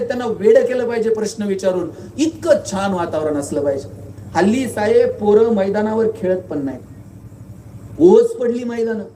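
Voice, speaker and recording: A man with a high, mellow voice delivers a motivational speech, spinning humorous stories and pressing the crowd with rhetorical questions. He sounds set back from the mic in an echoing hall, with faint noise behind. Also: distant mic. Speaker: guest speaker.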